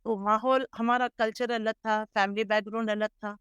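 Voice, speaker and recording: A middle-aged woman from Hyderabad, India, telling her life story as an interview guest in a measured, earnest way. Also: fairly high pitch, flat delivery, fairly bright tone, smooth, no room sound, clean studio sound. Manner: measured, earnest storytelling with English words mixed in. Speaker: interview guest, Islamic scholar.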